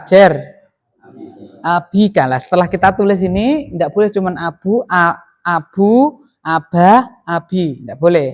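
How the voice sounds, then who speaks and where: Javanese-accented teacher quizzing a class. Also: mid-range voice. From Central Java, Indonesia. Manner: keeps quizzing the class with short repeated questions. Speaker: Arabic grammar teacher. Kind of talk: classroom lesson with question and answer.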